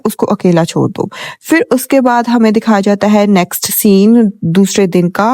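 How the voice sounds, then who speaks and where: A woman's voice: medium pitch, darkish tone, no room sound, studio quality. A young woman casually retelling a romance drama, chatty and full of fillers, reading out the characters' lines in her own voice. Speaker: story recap narrator.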